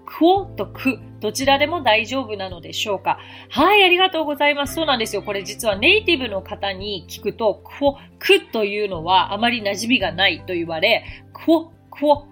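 A woman hosting a podcast English lesson who explains patiently and repeats English phrases slowly for learners to practice. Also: mid-range voice, bright, forceful tone. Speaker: English teacher and podcast host.

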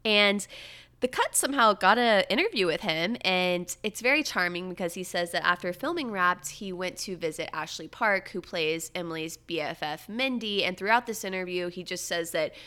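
A woman hosting a casual pop-culture chat, gossipy and sarcastic, with lively swoops up in pitch. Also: moderate pace, smooth. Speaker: podcast host.

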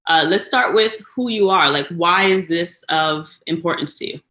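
A woman's voice: on the low side, normal speed, pushed and bright. A woman hosting a travel podcast, talking in a casual, loose and slightly profane way. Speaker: podcast host. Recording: roomy echo.

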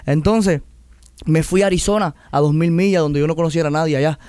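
A Cuban man talks fast and animatedly in a casual interview, his voice high and smooth. The sound is close and dry, with no room around it. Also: dry recording. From Cuba. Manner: animated storyteller, mimics accents. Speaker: guest musician.

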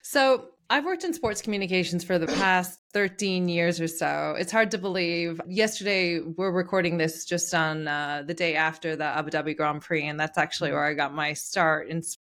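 Woman from Canada, podcast host, enthusiastic, friendly, slightly low voice. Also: moderate pace, hardly any pauses, a bit bright. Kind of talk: conversational interviewing.

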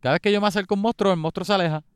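A man chatting casually about a film, relaxed, laughing often and losing track of scenes. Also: high voice, rapid-fire, clear, resonant tone, no room sound, clean studio sound. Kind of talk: casual chat reviewing a film.

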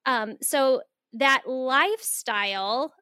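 An earnest American woman from the Southwest, a guest author who exhorts and laughs easily. Her voice is bright and sharp, pitched a little high, and it is recorded dry and close. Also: slow, no echo. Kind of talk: interview conversation.

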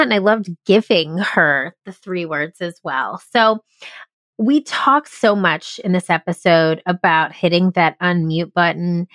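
A woman's voice: fairly low pitch, dry recording, clean studio sound. A woman hosting a podcast interview, talking in an effusive, enthusiastic, casual way. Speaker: podcast host.

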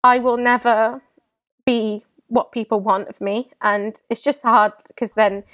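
A woman speaks as a guest in a candid interview, halting with many restarts and fillers, her voice tearful at times. The recording is close and dry, with no room sound behind her. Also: medium pitch, fairly even intonation, no echo.

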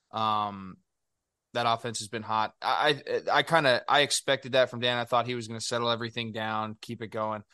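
A man giving casual sports analysis as a panelist, haltingly repeating words as he builds his point. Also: mid-range voice, sharp tone, clear, resonant tone, no echo, studio quality.

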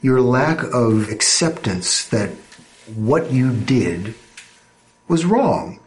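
A man's voice: mid-range voice, big pitch swings, extremely slow, low-quality recording. A man interviewing for an investigative news exposé, with pointed, pressing questions.

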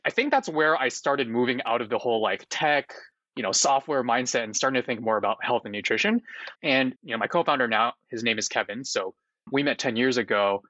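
A man's voice: medium pitch, fairly quick, dry recording. A man around thirty chats easily as a guest, with lots of fillers and laughter. His voice sits mid-range. The sound is dry and a little muffled. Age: 30s. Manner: relaxed, filler-heavy, laughs often. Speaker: startup founder, guest. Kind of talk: casual interview chat.

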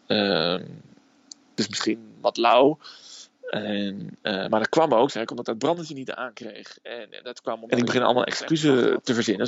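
Gravelly man telling a personal story. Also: mid-range voice, no room sound, highs cut off.

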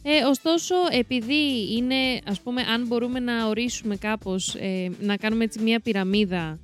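Young woman, podcast co-host, slightly high voice, rambling chatty storyteller who corrects herself and laughs a lot. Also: steady tone, faint music behind. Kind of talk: casual chat, storytelling.

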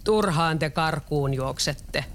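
Storybook villain: a sly taunting wolf, read by the narrator, unhurried threats. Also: medium pitch, a little hiss or hum, natural voice. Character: sly boastful big bad wolf.

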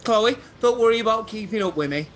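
An actor playing an upbeat, cheesy personal trainer leading a class in a sitcom. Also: male voice, high voice, animated, a little fast, slight background noise. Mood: chirpy. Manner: chirpy, cheesy coach patter. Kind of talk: sitcom acting.

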